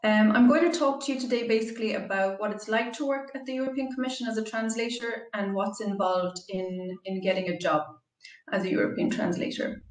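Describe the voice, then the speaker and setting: A woman's voice: mid-range voice, fairly even intonation, fairly quick. A middle-aged woman with a west of Ireland accent, giving an informal online presentation. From Galway, Ireland. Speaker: translator, guest speaker. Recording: roomy, echoey, distant microphone.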